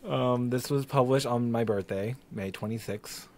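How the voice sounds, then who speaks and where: A man's voice: mid-range voice, measured pace. A man in his twenties co-hosting a casual podcast, introducing a news story with laid-back, laughing asides. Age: 20s. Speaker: podcast co-host.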